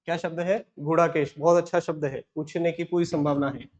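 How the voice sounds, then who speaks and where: A man teaching Hindi grammar, slowly dictating words and repeating each one as a question and answer. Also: a little high, fairly even intonation, a little mellow, lo-fi sound. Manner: repetitive, asks and answers himself, slow dictation. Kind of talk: classroom lesson dictating words.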